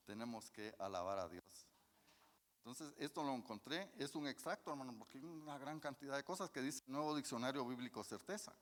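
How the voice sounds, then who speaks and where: A man's voice: medium pitch, animated, fairly quick. Folksy preacher man in a reverberant church. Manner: folksy, addresses the congregation as brothers, asks and answers questions. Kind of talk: sermon. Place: church hall.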